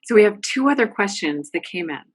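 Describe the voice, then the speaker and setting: A woman's voice: mid-range voice, big pitch swings, fairly quick, breathy edge. A woman moderating an online Q&A session over a video call, asking questions in a friendly, inviting way. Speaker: host.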